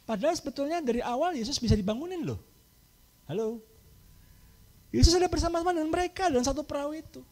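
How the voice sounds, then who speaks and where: High-voiced Javanese-accented preacher. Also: male voice, expressive, fast, long pauses, a little mellow. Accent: Javanese-tinged Indonesian. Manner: humorous, acts out congregants in high voices, mixes in Javanese words. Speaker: pastor, speaker at a women's camp. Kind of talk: lively sermon.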